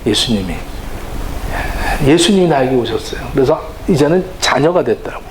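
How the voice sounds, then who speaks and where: A middle-aged male pastor preaching a sermon, animated and acting out quoted lines in different voices. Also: medium pitch, moderate pace, a crowd in the background, low-quality recording.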